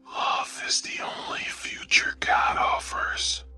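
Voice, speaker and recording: A man reading short sayings in a hushed, breathy ASMR whisper, deliberate and measured. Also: soft background music. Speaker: narrator reading quotations.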